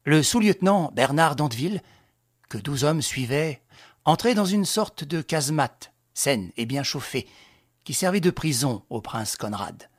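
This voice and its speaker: Brief: low hushed novel reader, varied expressive pitch. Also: measured pace, breathy edge, no room sound, clean studio sound. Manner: low, hushed storytelling for narration. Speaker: audiobook narrator. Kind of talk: scripted narration.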